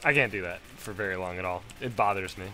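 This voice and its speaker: A man's voice: low-pitched, quick pace, sharp tone, a little hiss or hum. A man doing casual, crude gameplay commentary, rambling between topics, his voice strained and failing.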